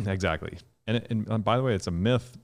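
A man in his thirties, a guest scientist on a podcast, explaining in an animated way and jumping up in pitch to stress points, recorded in a dark studio on a studio mic. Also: normal speed. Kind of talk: podcast conversation. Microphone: studio mic with headphones.

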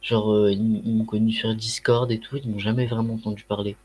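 Husky-voiced man with a Ch'ti accent. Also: on the low side, flat delivery, a little fast, a little mellow. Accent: Ch'ti (northern French). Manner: rambling, many fillers and slang. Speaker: livestreamer. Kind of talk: casual livestream chat. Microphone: headset microphone.

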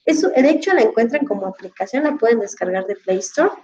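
A woman's voice: fairly high pitch, lively intonation, fairly quick, a little mellow, highs cut off. A woman, an English teacher explaining a dictionary app to her students in an online class, patient and full of fillers, speaking into a headset. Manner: explanatory, addresses students formally, many fillers.

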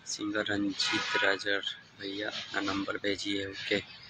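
Soft-spoken low-voiced man, Bhojpuri accent. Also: slow pace, very noisy. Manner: soft-spoken, relaxed, chuckles often. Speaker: singer and songwriter. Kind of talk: casual live stream, greeting viewers by name.

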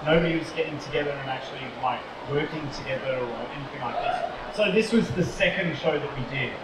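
A man's voice: on the high side, brisk. A man telling stories in a chatty live talk as a toy company co-founder. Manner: chatty, conversational storytelling. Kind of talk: casual live presentation. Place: large indoor shopping mall expo. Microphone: distant mic on a live talk. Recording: echoey mall hall, distant mic, crowd noise.

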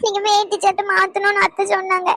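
A woman's voice: very high-pitched, monotone, fast talker, bright, forceful tone, no room sound, heavily acted. A woman voicing a sulky, clingy young wife in a cartoon, whining and pleading. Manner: whiny pleading. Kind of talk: cartoon voice acting.

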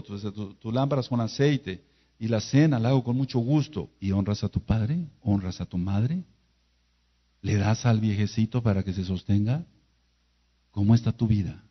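A man preaches, firing rhetorical questions at his listeners and hammering phrases again and again. His voice sits at an ordinary middle pitch. The sound is dull and lo-fi, as from an old video recording. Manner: emphatic, rhetorical questions and repetition. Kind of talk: sermon.

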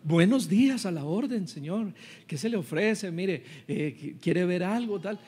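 A man's voice: high-pitched, lively intonation, unhurried, warm tone, slightly rough, pitched above the performer's own voice, heavily acted. Man putting on a chirpy car salesman, polite, voice a bit raised. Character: eager male car salesman.

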